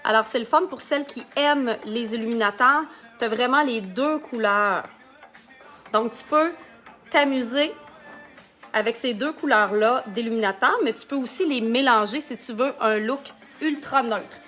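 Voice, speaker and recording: A woman's voice: on the high side, moderate pace, bright, forceful tone, soft background music. A woman from Canada with a Quebec French accent, giving a chatty live makeup tutorial and greeting viewers by name. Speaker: makeup consultant. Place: home, under a ring light.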